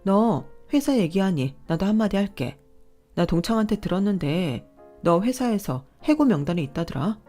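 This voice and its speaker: A woman voicing an angry wife who yells and hurls insults at her husband. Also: mid-range voice, sing-song, normal speed, soft background music, voice pushed up. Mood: scornful. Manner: yelling, scolding, sharp insults. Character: furious wife, adult woman, fed up.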